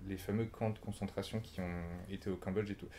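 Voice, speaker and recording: A man's voice: lowish voice, fairly even intonation, quick pace, mellow, a little hiss or hum. A man hosting a podcast, telling a story in a casual, hesitant way with frequent filler words. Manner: hesitant storytelling, keeps saying "en fait". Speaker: podcast host. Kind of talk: casual conversation.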